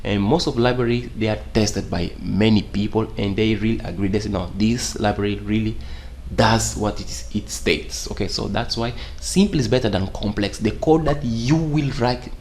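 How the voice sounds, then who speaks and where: Slight background noise sits under this young man's low, darkish voice as he moves at a moderate pace. A native Portuguese speaker, he teaches programming in English over screen share, rambling casually, using non-native grammar and checking in often with "okay?".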